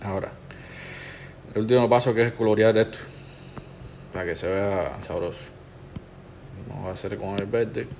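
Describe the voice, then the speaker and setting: Low-voiced man explaining steps. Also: moderate pace, vocal fry, pauses often, a little hiss or hum. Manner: relaxed, instructive, talks the viewer through each step. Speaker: tattoo artist teaching a digital stencil technique. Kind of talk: step-by-step tutorial narration.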